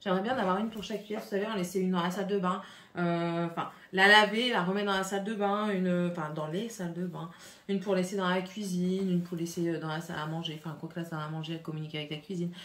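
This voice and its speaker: A woman's voice: on the low side, fairly even intonation, fast talker, a bit bright. Chatty French woman in an echoey room. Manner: chatty, rambling, many fillers and restarts. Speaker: beauty vlogger. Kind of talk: casual haul chat to camera. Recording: echoey room, faint noise.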